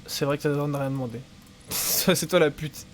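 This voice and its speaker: A young man with a fairly high voice streams a survival game and jokes crudely at his own expense. He talks in loose, casual banter with a co-player. Faint keyboard typing sits under his voice. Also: steady tone, a little fast, noisy background. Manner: crude joking, self-mocking.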